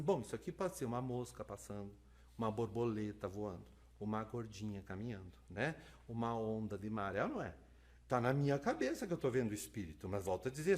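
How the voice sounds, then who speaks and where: A man giving a lively live online lecture on interpreting, talking fast and checking in with his listeners. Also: mid-range voice. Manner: lively, talks fast, asks "né?" and "tá?". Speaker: lecturer on sign language interpreting.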